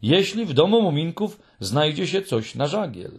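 A man's voice: a little high, very animated, normal speed, husky, pitched above the performer's own voice, exaggerated voice. A man doing a tiny, cheeky little girl. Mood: teasing. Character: tiny cheeky girl creature, cheerful, bold.

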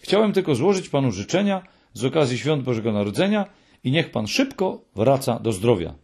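An energetic middle-aged male engineer from a storybook speaks up in a lifted, eager voice, as a man puts him on. The tone is gravelly and a little husky. It swings about lively in pitch. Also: a little fast, full character voice. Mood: gentle. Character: brisk middle-aged male engineer, gruff turned kindly.

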